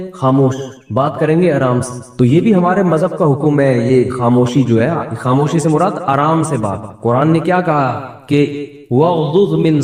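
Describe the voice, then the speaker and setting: Echoey Urdu preacher asking questions. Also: male voice, a little high, darkish tone, far from the mic. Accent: Pakistani Urdu. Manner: asks the audience questions and answers them; acts out quoted voices of people and animals. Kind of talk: Islamic sermon. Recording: echoey hall, voice from afar.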